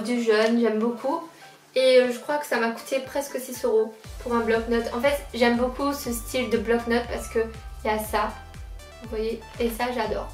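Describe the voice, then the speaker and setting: A woman's voice: fairly high pitch, a little mellow. A woman in her twenties from La Réunion, casually showing off her school supplies in a vlog and repeating how much she likes each item. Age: 20s. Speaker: lifestyle vlogger. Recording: roomy sound, mic at a distance, faint background music.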